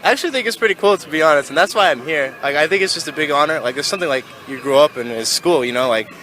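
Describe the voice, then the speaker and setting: A man's voice: fairly high pitch, very fast, sharp tone, slight background noise. A man of twenty answering interview questions outdoors in a casual way, with lots of "like". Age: 20s. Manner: casual, says "like" a lot. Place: outdoors in a city street.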